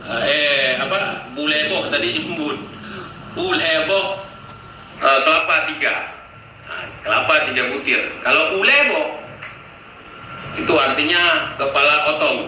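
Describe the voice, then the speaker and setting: Lively man in a very echoey room. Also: fairly high pitch, unhurried, long pauses, slight background noise. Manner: lively, emphatic, repeats words with frequent "nah". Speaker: explainer of Acehnese language. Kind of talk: casual explanatory monologue.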